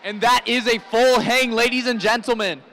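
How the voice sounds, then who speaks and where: A high-voiced man with a bright, forceful edge calls a live competition. He works as a hype announcer, bouncing calls off a partner and addressing the crowd. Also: fairly even intonation, moderate pace. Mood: excited. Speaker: play-by-play event announcer. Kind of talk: live robotics competition commentary.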